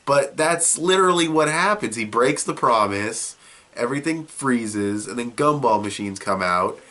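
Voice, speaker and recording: Sniffling with a cold, a young video reviewer rambles through a casual review of a show, loose and offhand, with plenty of fillers and restarts. His mid-range voice is animated, a little slow, pushed and bright.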